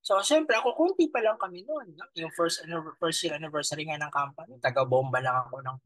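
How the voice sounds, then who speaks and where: A man in his thirties with a Filipino accent gives an animated motivational talk to a live audience. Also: on the high side, fast talker, no room sound, low-quality recording. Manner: animated, talks straight to the audience. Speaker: motivational speaker.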